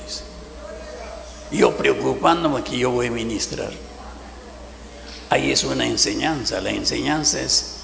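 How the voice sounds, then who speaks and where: Gravelly pastor preaching in echoing hall. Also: male voice, medium pitch. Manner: fervent preaching, swings between soft and loud. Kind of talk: sermon. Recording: echoey church hall, long reverb.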